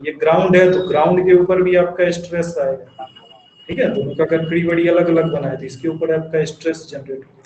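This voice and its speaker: A man's voice: on the high side, fairly even intonation, darkish tone, dull audio, slight background noise. A man teaching engineering to a class, asking questions and answering them himself. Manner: dictates definitions slowly in English. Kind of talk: classroom lecture. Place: classroom with students. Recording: echoey classroom recording with faint ambience.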